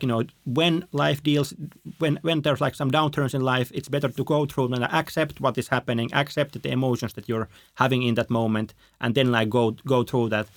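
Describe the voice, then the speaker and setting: A man from Finland speaks as an interview guest, explaining findings in a halting way full of fillers and restarts. His voice sits at a middle pitch, and the recording is dry and close, with no room sound. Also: no room sound. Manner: hesitant, many fillers and restarts. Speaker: guest, happiness researcher. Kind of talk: conversational interview.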